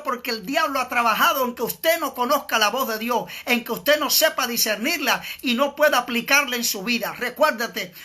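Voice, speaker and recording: A man's voice: very high-pitched, pushed and bright. A man preaching an urgent, repetitive sermon as an evangelist.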